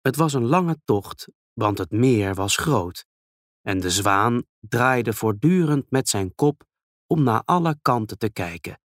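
A man reading a children's story aloud in a calm, gentle storytelling manner. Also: mid-range voice, slow, no echo, clean studio sound.

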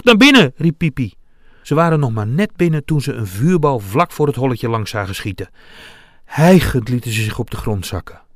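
A man reading a children's fantasy story aloud with expressive, dramatic narration. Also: mid-range voice, no echo, clean studio sound.

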